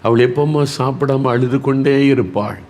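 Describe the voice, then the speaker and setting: A male preacher delivering a heartfelt devotional sermon at a middle pitch. He leans on repetition and lets his voice sink low and slow in one line, then rise with urgency in the next. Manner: emotive, repeats words for emphasis; moves between soft, slow lines and raised, pressing ones.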